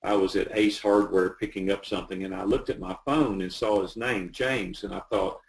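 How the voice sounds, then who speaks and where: Gravelly earnest man telling stories. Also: low-pitched, moderate pace, poor audio. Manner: earnest, animated storyteller. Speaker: business coach. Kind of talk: casual interview storytelling.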